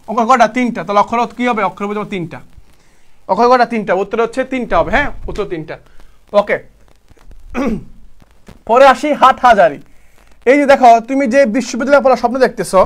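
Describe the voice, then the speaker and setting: A young man with a very high voice leads a live exam-prep class. He keeps firing quick questions and answering them himself, repeating each point in a casual, brotherly tone. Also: a bit bright. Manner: repetitive, drilling students with quick questions and answers; colloquial, addresses students as brother. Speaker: teacher.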